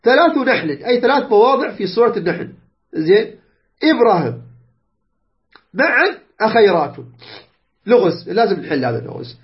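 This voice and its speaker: An Iraqi man with a notably high voice teaches a lesson, explaining patiently and often pausing to ask if everything is clear. The recording sounds dull and lo-fi. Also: big pitch swings. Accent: Iraqi Arabic. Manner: patient explaining, checks understanding with "clear?" and "good". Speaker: teacher of Quranic spelling and recitation. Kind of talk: classroom lesson.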